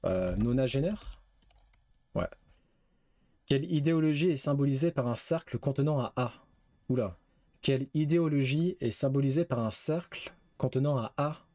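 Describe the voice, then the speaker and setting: Dry-voiced streamer guessing quiz answers. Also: male voice, mid-range voice, animated, normal speed, dark tone, no room sound. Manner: reads questions aloud, guesses, swears casually. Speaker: gaming streamer. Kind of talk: casual live quiz game commentary.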